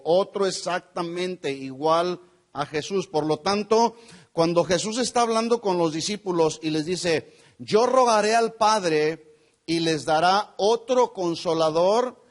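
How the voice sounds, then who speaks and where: A male pastor preaching a sermon, slow and deliberate, trailing off softly at the ends of his phrases. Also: on the high side. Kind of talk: sermon with scripture reading and prayer.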